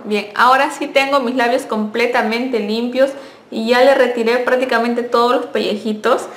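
A young beauty vlogger chats in a friendly way while reviewing a beauty product, correcting herself as she goes. Her voice is on the high side, steady in tone and at normal speed, in an echoey room.

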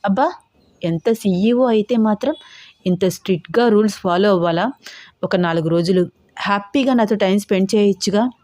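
A woman's voice: mid-range voice, normal speed, a little mellow, dry recording, natural voice. Woman doing a pleading young wife. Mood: coaxing. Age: 20s. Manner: pleading, coaxing. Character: young newlywed wife, pleading and sweetly pouty.

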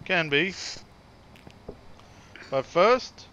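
Slow drawly guy gaming with friends on a headset, voice goes up and down a lot, noisy mic. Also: on the high side, expressive, sharp tone, muffled recording. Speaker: channel host playing a co-op ghost-hunting game. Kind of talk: casual gaming chat. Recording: noisy voice-chat audio.

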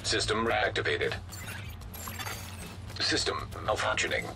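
A man's voice: lowish voice, lively intonation, slow pace, gravelly, distant mic, exaggerated voice. A man voicing a male suit computer through a metallic robot filter, giving clipped, emotionless status reports. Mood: flat robotic. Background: loud game music.

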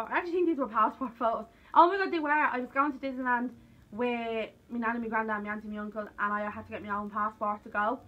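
A young Irish woman vlogs to camera from a small, cluttered room at home, rambling casually and poking fun at herself. Her voice sits on the high side, and the audio is dull.

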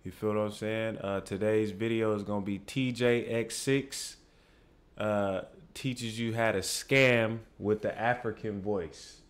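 A man's voice: lowish voice, fairly even intonation, measured pace. Laid-back young man hosting a reaction. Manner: laid-back slang, frequent "man" and "you feel what I'm saying". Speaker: reaction video host. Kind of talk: casual reaction commentary.

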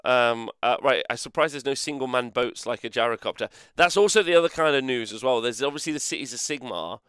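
Lively rambling man, smooth voice. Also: medium pitch, quick pace, no echo, clean studio sound. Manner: rambling, animated, mock-outraged banter. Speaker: host. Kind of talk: casual podcast chat.

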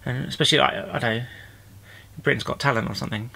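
In a steady but fast, creaky voice with a sharp edge, a British male comedian narrates a funny lockdown video diary. He wanders, interrupts himself mid-sentence, and slips into squeaky mock crying.

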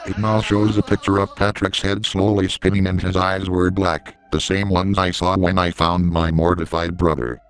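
A man giving scripted horror story narration in a steady, measured way, recorded on a close mic. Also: deep voice, low-quality recording.

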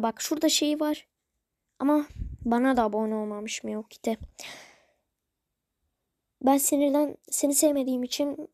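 A woman talks casually to her viewers in a high voice, rambling and grumbling with exasperation. The sound is dry and close, with no room around it. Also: darkish tone, no room sound. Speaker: video creator.

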